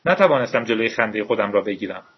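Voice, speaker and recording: A man voicing a lively, eager teenage girl, raising his husky voice higher for her. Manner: raised pitch, bright and eager. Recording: dull lo-fi recording.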